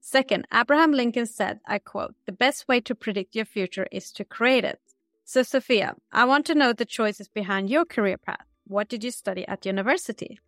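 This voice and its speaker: A woman's voice: on the high side, normal speed, a bit bright, no echo, clean studio sound, faint music behind. A woman hosting an interview, reading out scripted questions in an upbeat, structured way. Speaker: interview host.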